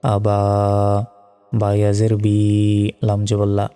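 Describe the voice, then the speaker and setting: A man teaching Quran recitation step by step. He spells out Arabic syllables slowly and patiently, and chants the verses slowly and melodically. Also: fairly low pitch, level tone, warm tone, big-room sound, faint music behind.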